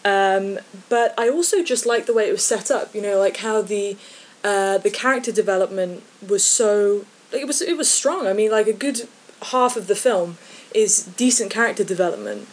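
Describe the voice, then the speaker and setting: A woman from the English Midlands with an English accent, a guest chatting casually on a podcast and pausing often with fillers. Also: mid-range voice. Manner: hesitant, many fillers. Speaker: podcast guest, film journalist. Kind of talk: casual chat.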